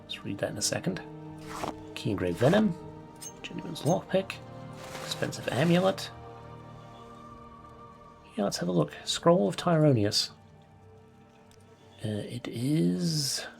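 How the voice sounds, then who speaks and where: A man's voice: fairly high pitch, very animated, normal speed, gravelly, long pauses, over music. A man hosting a let's play, casually reading off items, swearing and chuckling as he plays. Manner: mutters item names, swears, chuckles often. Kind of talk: casual gameplay commentary.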